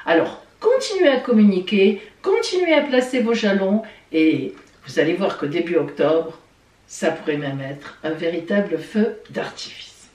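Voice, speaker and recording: A woman's voice: lowish voice, very animated, measured pace, a little mellow, distant mic. A woman giving weekly horoscopes in a playful, chatty way, talking straight to her listeners. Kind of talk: casual horoscope reading. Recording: roomy sound from off-mic.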